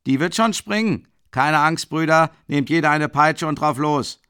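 A man voicing a young male peasant in a crowd, jeering in a shrill, high, mocking voice. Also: normal speed, sharp tone, clear, resonant tone. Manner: shrill, laughing and mocking, far higher than the narration.

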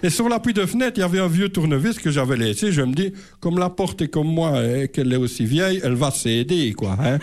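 A man's voice: fairly high pitch, animated, fairly quick, few pauses, a little mellow. A middle-aged man telling a rambling, self-mocking comic story on stage. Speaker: comedian. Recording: live show with audience laughter.

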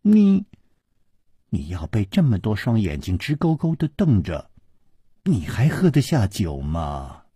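A man's voice: lowish voice, huge pitch swings, a little slow, mellow, husky, dry recording, clean studio sound, full character voice. A man voicing a charming young woman who speaks with a smiling, teasing manner. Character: charming, graceful young hostess.

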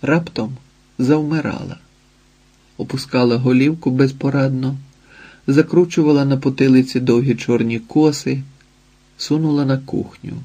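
Mellow husky male narrator. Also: mid-range voice. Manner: measured, expressive literary reading. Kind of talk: audiobook narration.

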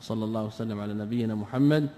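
A man's voice: on the low side, very fast, mellow, slight background noise. A man teaching a classical Islamic lesson, asking rhetorical questions and answering them himself, repeating key words for emphasis. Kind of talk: classical lesson commentary on a text. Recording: long hall reverb.

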